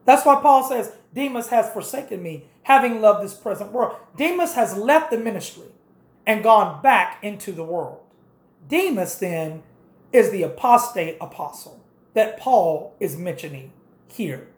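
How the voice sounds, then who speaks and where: A woman's voice: medium pitch, expressive, a little slow, reverberant. A woman preaching a sermon, directing listeners through scripture passages and explaining them step by step.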